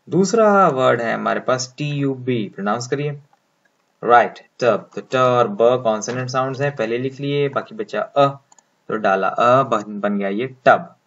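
A man's voice: mid-range voice, a bit bright, highs cut off. Patient man teaching pronunciation. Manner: patient step-by-step explaining, asks listener to repeat. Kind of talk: phonetics lesson with transcription drills.

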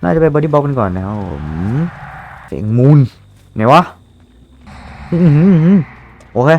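Young male gaming streamer, animated, swears a lot; faint noise behind. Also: on the high side, unhurried, vocal fry, phone-quality sound. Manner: excitable, swears a lot, yells at the game. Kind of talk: live gameplay commentary.

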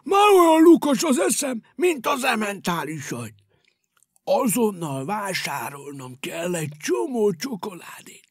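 A man's voice: very high voice, sing-song, no room sound, studio quality, voice pushed up, full character voice. An actor voicing a chocolate-obsessed round male creature who mumbles, frets and snaps in anger. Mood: muddled. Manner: mumbling, huffy, easily startled.

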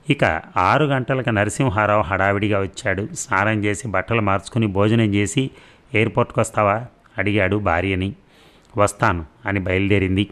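A man's voice: fairly low pitch, a bit bright. A man narrating a family drama story and reading every character's lines in his own voice. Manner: reads all the characters' dialogue in his own voice.

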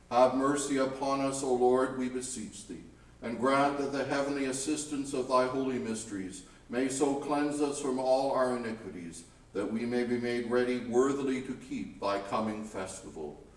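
A man leading a church liturgy as priest, reciting set prayers in a solemn, measured way. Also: mid-range voice. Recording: echoey room from far off.

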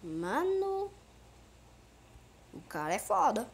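High-voiced playful Brazilian woman gaming. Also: very animated, slow, gravelly, slight background noise. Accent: Brazilian Portuguese. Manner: playful, sing-song repeating of words, laughing. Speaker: gaming youtuber. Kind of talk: casual gameplay commentary.

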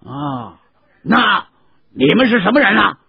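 A man voicing a wary, stern male escort officer who scolds and shouts, on a dull, dry lo-fi recording. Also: high-pitched, sing-song, measured pace, creaky, breathy edge, no room sound, pitched above the performer's own voice, exaggerated voice. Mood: alarmed.

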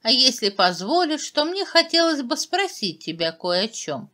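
A woman's voice: high voice, big pitch swings, normal speed, bright, forceful tone, heavily acted. A woman voicing a polite, meek young maiden in a fairy tale. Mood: meek, curious.

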